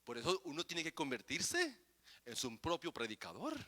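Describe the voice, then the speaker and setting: A male pastor preaches with a high, bright voice. He swings between loud, emphatic declarations and quiet asides, often repeating words in quick bursts. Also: wildly swooping pitch. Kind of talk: sermon.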